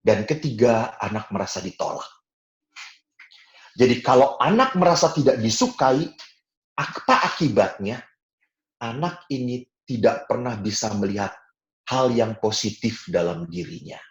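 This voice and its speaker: A man preaches a sermon in a mid-range voice, telling stories in a lively way. He speaks in a church hall, and his voice carries a roomy echo. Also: mid-range voice, a little slow, long pauses, lo-fi sound. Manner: storytelling, lively, often acting out quotes.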